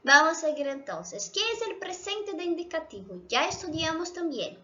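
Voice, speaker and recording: A woman's voice: very high-pitched, big pitch swings, normal speed, sharp tone, highs cut off. A woman from Brazil, a native Portuguese speaker with a Brazilian accent, patiently explaining Spanish grammar and often checking in with her students. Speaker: Spanish teacher.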